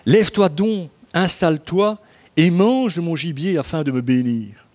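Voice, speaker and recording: A man's voice: on the high side, measured pace, a little mellow, voice pushed up, lightly acted. A man reading an earnest young son. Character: young male son deceiving his father.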